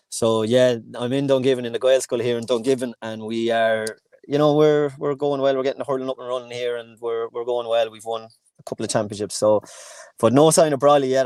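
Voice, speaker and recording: A man's voice: medium pitch, darkish tone, clean tone, no echo. Chatty Irish man rambling about hurling. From Ireland, Kilkenny. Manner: rambling, many restarts and "like" fillers, laughs often. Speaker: guest, hurling coach in Antrim. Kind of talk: casual podcast chat.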